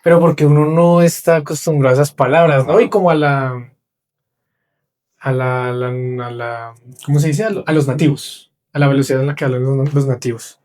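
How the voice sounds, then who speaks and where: Young Colombian podcast guest, lively storyteller, slightly high voice, acts out the people in his anecdotes. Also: brisk. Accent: Colombian Spanish. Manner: animated, acts out quoted voices. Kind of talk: casual storytelling.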